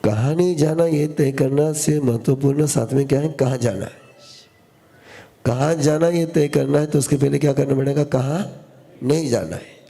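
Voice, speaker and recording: A man with a gravelly, mellow, medium-pitched voice preaches a sermon to a live audience as a spiritual teacher. He teaches slowly in short, repeated phrases, using call-and-response and quizzing his listeners.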